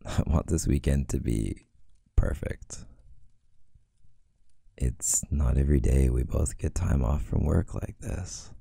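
A man in a whispered role-play as a playful, teasing boyfriend, speaking softly and affectionately. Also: extremely low pitch, takes it slowly, gravelly, pauses often, husky, dry recording, clean studio sound. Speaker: audio role-play creator.

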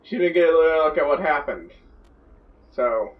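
Young man, high voice, headset mic in a small room, slightly dull recording, excitable reaction host. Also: a little slow, far from the mic. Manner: excitable, loud outbursts, restarts mid-sentence. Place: small indoor room at home.

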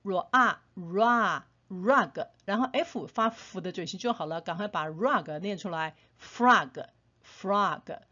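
A woman teaching English pronunciation in Taiwanese Mandarin, patient and encouraging, repeating example words slowly. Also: on the low side, bright, forceful tone. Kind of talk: phonics lesson with slow drawn-out example words. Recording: slightly dull lo-fi sound.

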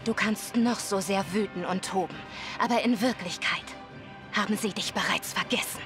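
An actress playing a steadfast young fantasy heroine in a video game, speaking with solemn, earnest resolve. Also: female voice, medium pitch, moderate pace, music in the background, lightly acted. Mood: earnest, defiant. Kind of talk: dramatic video game acting.

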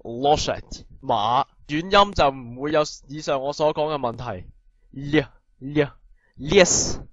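A man teaching a pronunciation lesson, explaining briskly and then drilling sounds slowly and loudly. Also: mid-range voice, no room sound, highs cut off. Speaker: language teacher.

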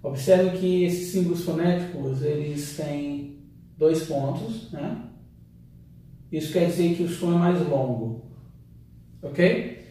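A man teaching English pronunciation, modeling words slowly and checking in with "ok?" as he goes. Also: fairly high pitch, warm tone, heavy reverb, recorded from a distance. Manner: slow, deliberate, drawn-out delivery with frequent "ok?" checks. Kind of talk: language lesson, modeling words for repetition.

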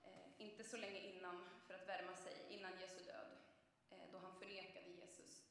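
Young female preacher, chatty sermon full of pauses, roomy church sound with faint background noise. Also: lowish voice, flat delivery, gravelly, fairly bright tone. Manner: storytelling, frequent hesitations. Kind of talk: conversational sermon. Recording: echoey church from a distance.

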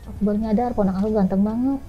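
A woman's voice: mid-range voice, fairly even intonation, racing, slightly rough, muffled recording. A woman telling her personal story in a confessional interview, hesitant and searching for words.

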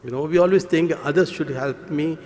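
An older man, a priest, giving a homily at Mass, earnest and halting with many fillers, speaking into a stand mic at the lectern. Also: on the high side, a little mellow. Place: church sanctuary, indoors. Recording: reverberant church hall.

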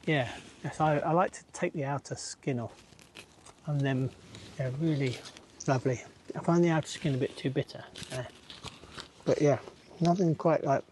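Working his allotment, this man, a channel host, narrates in a relaxed, chatty way, filling his musings with plenty of filler words. His voice is mid-range and a little mellow, with slight background noise.

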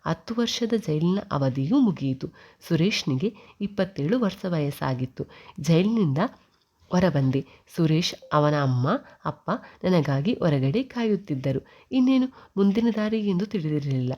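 A woman in her thirties narrating a first-person story in a calm, steady scripted reading. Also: low voice, normal speed. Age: 30s. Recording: slightly muffled recording.

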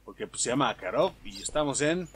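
A man's voice: mid-range voice, lively intonation, quick pace, a bit bright, slight background noise. A young man with a Mexican Spanish accent, commenting on a game in a joking, slangy way while he talks to his viewers. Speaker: gaming streamer. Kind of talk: gameplay commentary.

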